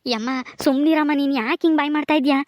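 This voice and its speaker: A woman playing a young village husband who scolds his wife and hushes his mother. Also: high-pitched, fast talker, a little hiss or hum, natural voice. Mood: scolding.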